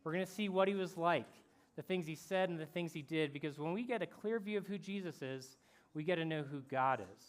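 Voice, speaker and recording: Slangy, fairly high-voiced camp speaker man. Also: a little fast. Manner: casual, slangy storytelling that swings between loud and hushed. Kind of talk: youth camp talk.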